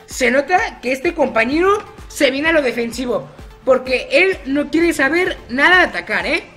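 A man's voice: very high voice, sharp tone. A man commenting on his own gameplay, chatty and teasing his opponents by name. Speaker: gaming YouTuber.

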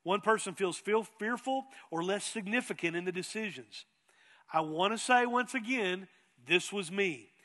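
High-pitched preaching man in a reverberant hall. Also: normal speed, bright, forceful tone. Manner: emphatic preaching, asks the congregation questions. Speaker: pastor. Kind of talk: sermon. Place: church sanctuary. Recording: long reverb of a church hall.

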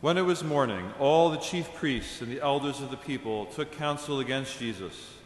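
A man reads the Passion aloud at Mass with measured, solemn proclamation. His voice sits at an ordinary mid pitch. The church is roomy, and a long reverb trails after each phrase. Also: lively intonation, slight background noise. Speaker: reader at Mass. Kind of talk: liturgical Passion reading.

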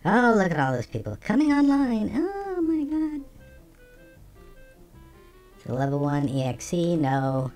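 A game streamer talking through a voice changer that shifts the pitch, chatting casually with viewers while playing. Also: huge pitch swings, measured pace, long pauses, darkish tone, faint music behind. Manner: chatty, talks to chat between game actions. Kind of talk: casual let's-play chat with viewers.

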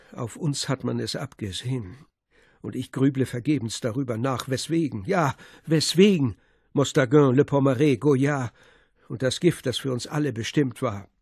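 A frightened, sickly doctor, as a narrator puts him on, talking in a weary, complaining way. His voice is gravelly and husky. It is recorded close and dry. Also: mid-range voice, darkish tone, no echo. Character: frightened, sickly male doctor in a jail cell. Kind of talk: audiobook character voice.

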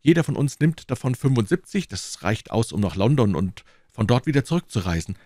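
A man's voice: mid-range voice, sing-song, brisk, warm tone, no room sound, clean studio sound. A man voicing an eager, determined young musketeer in an audiobook reading, speaking urgently and insistently. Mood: assured.

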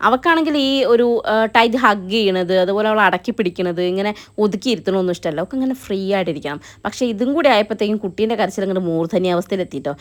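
A woman's voice: medium pitch, lively intonation, racing. A young woman, narrating her family vlog as a chatty voice-over and often tagging on a friendly 'you know'. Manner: chatty, keeps adding 'you know' tags. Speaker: family vlogger.

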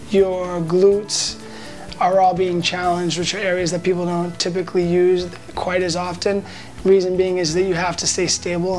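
A man speaking as a personal trainer in a steady, explanatory testimonial. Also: high-pitched. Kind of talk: testimonial interview. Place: indoor room with brick wall.

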